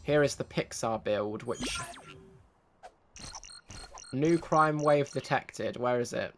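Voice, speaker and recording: A man's voice: medium pitch, slow pace, background noise. Chatty man playing a game. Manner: chatty, self-correcting. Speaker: gaming channel host. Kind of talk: casual game commentary.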